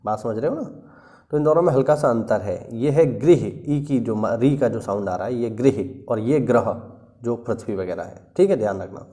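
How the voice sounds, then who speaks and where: A male teacher giving an exam-prep lesson, working slowly through lists of words and often clearing his throat. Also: medium pitch, animated, dark tone. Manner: slow, deliberate listing with frequent "ठीक है" check-ins.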